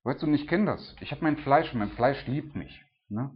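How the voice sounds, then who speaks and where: A man's voice: medium pitch, animated, moderate pace, slightly rough. A man giving a casual, conversational sermon, chatty and full of tag questions and filler words. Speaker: preacher. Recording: dull lo-fi recording.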